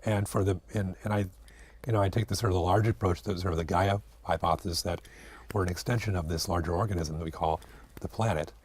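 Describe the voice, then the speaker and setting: A man's voice: low-pitched, steady tone, quick pace, hardly any pauses, a little mellow, slight background noise. A man in his late forties, an acupuncturist guest speaking reflectively in an interview, hesitant with many fillers and restarts. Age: 40s.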